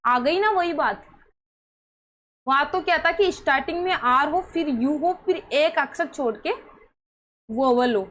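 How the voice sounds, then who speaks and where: A woman's voice: sits high, measured pace, long pauses, a bit bright, rough recording. A woman teaching English pronunciation rules, who keeps asking her students questions and then answers them herself. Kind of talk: explaining spelling rules to students.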